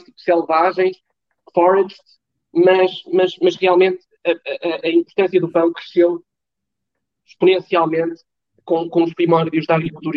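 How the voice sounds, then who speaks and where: Guest: man, fairly high and flat voice, dull lo-fi sound, hesitant explainer. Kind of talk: podcast interview.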